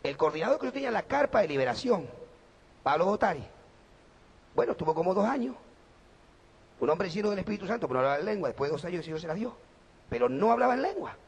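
A man preaching a sermon. His voice is gravelly and worn, and he moves between quiet talk and fervent shouting. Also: high-pitched, very animated, quick pace, long pauses.

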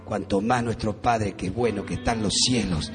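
A middle-aged man, preaching a sermon that swings from quiet storytelling to loud, fervent calling. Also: fairly low pitch, steady tone, normal speed, over music. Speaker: pastor. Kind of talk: evangelical sermon.

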